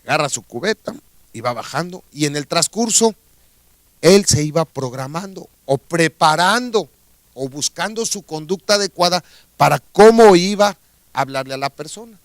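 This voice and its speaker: A man's voice: fairly high pitch, expressive, normal speed, no room sound. A man with a Mexican accent preaching a radio sermon, telling a story and asking rhetorical questions of his listeners.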